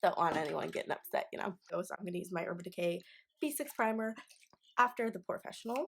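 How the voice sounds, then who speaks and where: A woman's voice: fairly low pitch, animated, fast, creaky, a bit bright, slight background noise. A tipsy woman in her twenties chatting casually to camera as a beauty vlogger, with informal, slangy delivery. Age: 20s. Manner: informal, sweary, effusive slang. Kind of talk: casual makeup tutorial chat to camera.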